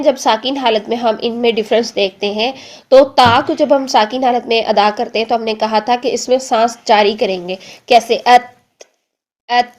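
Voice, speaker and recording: Patient woman teaching recitation sounds. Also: a little high. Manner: slow drawn-out demonstration of letter sounds, repeated drills; patient explaining with frequent checking-in phrases. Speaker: Tajweed teacher. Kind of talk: step-by-step recitation lesson.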